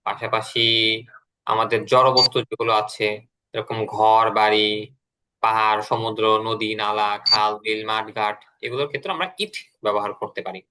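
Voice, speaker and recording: Guy teaching an online english class, bright voice, repeats words over and over for drills. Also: on the low side, steady tone, moderate pace.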